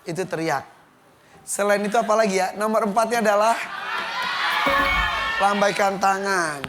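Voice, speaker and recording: High-voiced playful male game show host. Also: moderate pace, very noisy. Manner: playful and teasing, shouts results to the crowd. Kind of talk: lively TV game show hosting. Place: television studio with live audience. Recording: studio audience and backing music.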